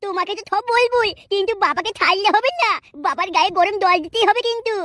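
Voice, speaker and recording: Give me a tattling little cartoon grandson, voiced by a woman, quick and high. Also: fairly bright tone, no room sound, clean studio sound. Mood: mischievous. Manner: mischievous, tattling. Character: cheeky young boy, a grandson. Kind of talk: comic cartoon dubbing.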